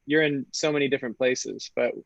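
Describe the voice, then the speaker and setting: Animated man podcast co-host. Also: medium pitch, brisk, creaky, no room sound, lo-fi sound. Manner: animated storyteller. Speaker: podcast co-host, kombucha brand founder. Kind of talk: casual podcast chat.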